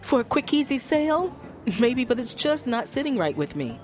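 A woman's voice: sits high, sing-song, normal speed, darkish tone, faint music behind. An actress playing a suspicious female homeowner with a questioning, exasperated manner in an audio drama.

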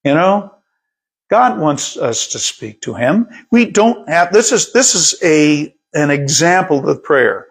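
A slow, unhurried male pastor with a gravelly, husky voice, preaching in a relaxed conversational way. He is middle-aged, repeats words now and then, and reads scripture aloud between his own comments. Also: on the high side. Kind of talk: sermon.

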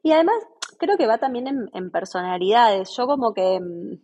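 A woman's voice: medium pitch, moderate pace, breathy edge, highs cut off. A woman in her forties with an Argentine accent, a podcast guest talking freely and telling stories with many restarts. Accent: Argentine Spanish. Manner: chatty, many restarts, lively storytelling. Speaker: interview guest. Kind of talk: casual podcast conversation.

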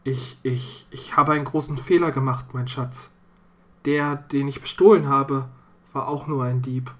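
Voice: mid-range voice, fairly even intonation, unhurried, fairly bright tone, natural voice. Narrator doing a coaxing young lover. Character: young man, pleading sweetheart with a bad conscience.

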